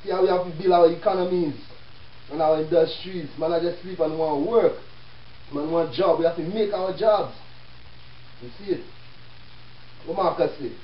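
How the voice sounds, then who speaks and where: A man's voice: on the high side, steady tone, moderate pace, pauses often. A man with a Jamaican accent lectures informally in Rastafarian speech, preaching and reasoning with rhetorical questions as a show host. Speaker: self-help show host. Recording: echoey room, distant mic, dull with hiss.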